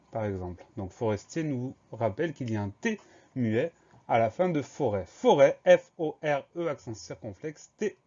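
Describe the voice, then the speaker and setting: A man's voice: medium pitch, warm tone, dull audio. A male teacher leading a spelling lesson, carefully spelling words out letter by letter. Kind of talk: dictation lesson.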